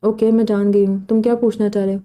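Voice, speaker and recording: A woman voicing an affectionate, gently joking middle-aged mother in an audiobook novel, in an even, mellow tone. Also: medium pitch, natural voice. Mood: fond. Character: fond, playful middle-aged mother and aunt.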